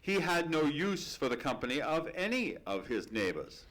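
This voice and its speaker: A man's voice: a little high, big pitch swings, fairly bright tone, rough recording. A man playing a courteous, earnest Victorian doctor who tells events formally and dramatically in an old-time radio mystery. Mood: grave recounting. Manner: formal, measured, dramatic storytelling. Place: theatre stage, live radio play performance.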